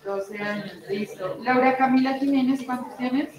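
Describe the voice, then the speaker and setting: There's crowd noise in the background as this young adult woman, a Colombian Spanish-accented teacher, checks attendance for an online class. She speaks in a high voice, brisk and repetitive, echoing names and ages and saying "listo," through a laptop mic in a very echoey room at home.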